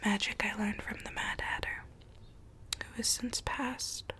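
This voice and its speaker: A woman playing a sweet rogue Alice from a storybook in a whispered ASMR roleplay, telling her tale in a soft, coaxing, theatrical way. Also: medium pitch, steady tone, unhurried, lightly acted. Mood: confiding, earnest.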